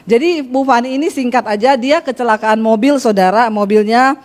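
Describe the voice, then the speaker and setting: A woman's voice: fairly high pitch, moderate pace, darkish tone. A woman preacher delivering an emphatic sermon, exhorting her congregation.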